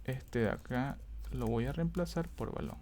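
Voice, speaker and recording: A man's voice: medium pitch, normal speed, a little mellow, a little hiss or hum. A man teaching a database lesson over a screen recording, explaining step by step, thinking aloud, correcting himself and often checking that students follow.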